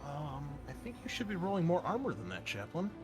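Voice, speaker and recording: Brisk and fairly high-pitched, this man swings his pitch hugely as he runs a tabletop game for his actual-play show. He narrates informally, dropping wry asides and casual swears, with music playing behind him.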